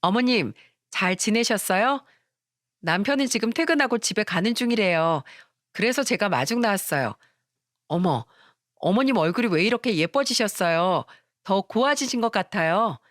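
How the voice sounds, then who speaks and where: A woman's voice: lively intonation, normal speed, fairly bright tone, dry recording, clean studio sound, close to an everyday voice. A woman voicing a fawning, two-faced young daughter-in-law who talks in a sugary, fussy way. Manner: sugary and fussy, turns shrill when cornered.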